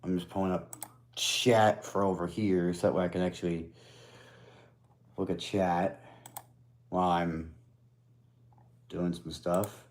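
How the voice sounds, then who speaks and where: A man's voice: sits low, flat delivery, slow, long pauses. A man streaming from his computer at home, chatting casually in a rambling, hesitant way with blunt swearing. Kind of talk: casual live stream chat.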